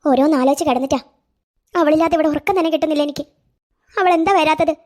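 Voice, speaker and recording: Lady doing an old granny in a cartoon, slow, soft and worried. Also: sits high, natural voice. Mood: fretful. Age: older. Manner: slow, doting, fretful. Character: doting anxious old grandmother.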